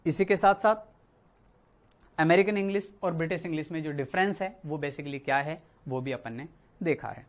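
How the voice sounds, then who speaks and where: A man's voice: fairly high pitch, moderate pace. Man teaching English, step by step. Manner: explains step by step, repeats words, says "ठीक है" often. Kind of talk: spoken Hindi classroom lesson.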